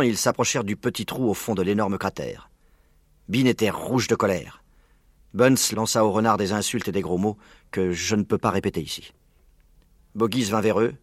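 A man narrating a children's storybook in an expressive, animated reading. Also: fairly low pitch, no room sound, clean studio sound.

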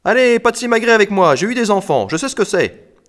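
A man doing a shrill, gushing theatrical actress. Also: sing-song, moderate pace, a bit bright. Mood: bossy. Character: loud theatrical middle-aged actress, gushing. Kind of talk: audiobook character voice.

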